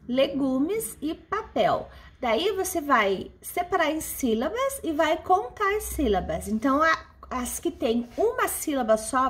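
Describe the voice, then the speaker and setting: Slow, sing-song woman teacher. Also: fairly bright tone. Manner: slow, patient, with a sing-song pitch, stretching out words. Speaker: primary school teacher. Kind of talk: explaining homework to children.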